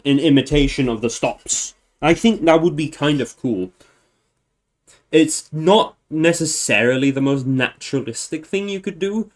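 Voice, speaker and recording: An unhurried man hosts a livestream, thinking aloud in a casual way. His voice sits at a middle pitch, and he meanders, correcting himself and chuckling as he goes. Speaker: livestream host.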